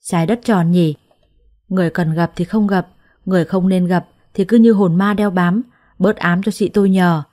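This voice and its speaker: Woman doing a sharp-tongued young sister in a storybook, blunt and scolding, mellow low-key tone. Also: fairly even intonation, normal speed, lightly acted. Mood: scornful.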